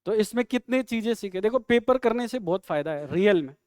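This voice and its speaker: A man teaching English in a live online exam-prep lesson, quizzing students with quick questions and jokes. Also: high-pitched, animated, darkish tone, smooth, no room sound, studio quality.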